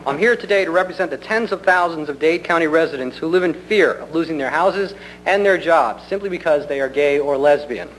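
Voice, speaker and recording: A man delivers a prepared public speech at a government meeting in an earnest, deliberate and polite way. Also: fairly high pitch, a bit bright. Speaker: community center director addressing a county commission. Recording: noisy hum, 1990 public meeting recording.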